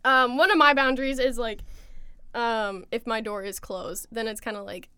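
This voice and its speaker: Young female student co-host, slightly high and bright, laughs easily, self-deprecating, dry close mic. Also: fairly even intonation, moderate pace, clear, resonant tone, dry recording. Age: young adult. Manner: giggly, self-deprecating, lots of "like" fillers. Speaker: podcast co-host, college student. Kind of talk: casual chat.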